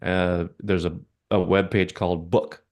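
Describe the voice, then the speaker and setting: A man's voice: low-pitched, level tone, unhurried, a little mellow. A man with a Canadian accent hosting a podcast in casual chat, rambling with many fillers and restarts. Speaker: podcast host.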